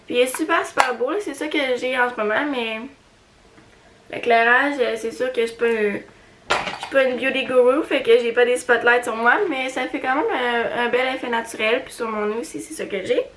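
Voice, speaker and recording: A young beauty vlogger with a Quebec French accent chats casually through a haul video, hesitating with lots of fillers and little giggles. Her voice is a little high, with fairly even intonation at a moderate pace, and the background is noisy.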